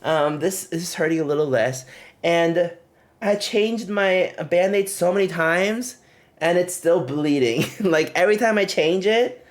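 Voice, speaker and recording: A man's voice: high voice, unhurried. A man livestreaming, casually telling trip stories to his chat, laughing often and breaking off to greet and thank viewers. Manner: animated, laughing often, rambling with fillers.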